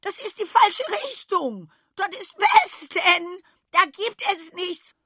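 A shrill, high goat lady shrieks her orders, bossy and easily excited. Her voice leaps up high and loud. The sound is dry and close. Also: slow pace, no room sound, heavily acted. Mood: shrieking.

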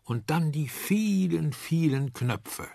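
A man calmly narrating a children's story in a measured way. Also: fairly high pitch, gravelly, no echo, studio quality.

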